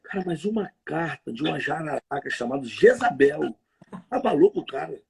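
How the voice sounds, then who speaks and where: A man preaching conversationally on a livestream, telling stories in a lively, slangy way. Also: on the high side, vocal fry. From Rio de Janeiro. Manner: lively storytelling, slangy, quick asides.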